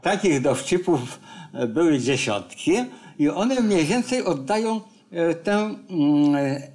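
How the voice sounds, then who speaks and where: An older man speaking as a film critic in a relaxed studio conversation, with a slow, hesitant delivery and dry jokes. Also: fairly high pitch. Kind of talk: casual studio talk about a film. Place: studio set with armchairs.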